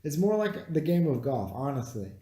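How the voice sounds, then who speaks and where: His voice is fairly high, sing-song and dark-toned, at a moderate pace. A beer-drinking podcast co-host, he chats about a film bluntly and profanely, dismissive and teasing, captured in a roomy home recording with echo.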